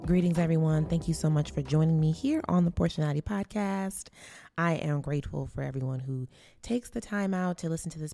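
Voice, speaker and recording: A woman's voice: sits low, mellow, dry recording, studio quality. An American woman hosting an inspirational podcast in a conversational, earnest and affirming way, with a preacher's emphasis and repetition.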